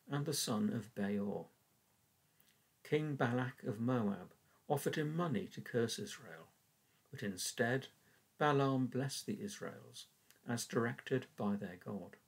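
An older English man, a church warden, reads scripture and leads prayers in a measured, earnest voice from a small room. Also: mid-range voice, animated, gravelly, slightly rough, poor audio. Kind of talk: reading and devotional reflection. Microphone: webcam at desk.

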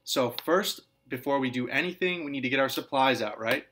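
This is a man teaching a recorded writing lesson to kindergarten and first grade children. He speaks clearly and patiently, repeating each point and addressing the kids as scholars. When he reads example sentences, his voice lifts into a lively, sing-song emphasis. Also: medium pitch, fairly quick.

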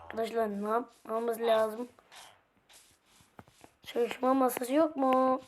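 A woman with a hoarse voice giving casual game commentary, chatting to her viewers and to the game's characters as she plays. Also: on the high side, fairly even intonation, takes it slowly, slight background noise. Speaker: gameplay video host.

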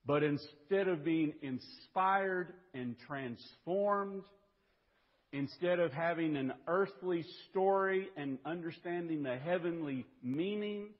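A man delivers a sermon with a somewhat high voice, taking his words slowly and deliberately. The sound is dull and lo-fi, with a long reverb trailing behind him in the church. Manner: builds from measured reading to raised, emphatic preaching. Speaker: pastor. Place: church sanctuary.

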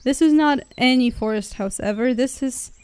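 A woman's voice: high-pitched, normal speed, darkish tone, clean tone. Chatty young woman vlogging from a car. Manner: chatty, rambling, self-correcting. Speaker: travel vlogger. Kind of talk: casual vlog narration. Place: inside a car driving through woods.

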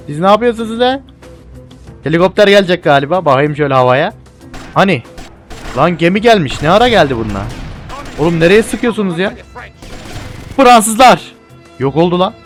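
A young man giving casual, joking let's-play commentary with loud exclamations. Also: a little high. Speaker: gameplay YouTuber.

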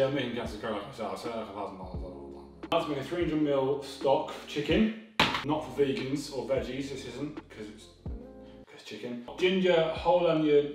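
Chatting casually to the camera, a young man cooks a dinner-party meal at home, swearing and poking fun at himself in a chaotic stream of commentary. His medium-pitched voice is slightly mellow. The mic sits far off in an echoey kitchen with faint music playing.

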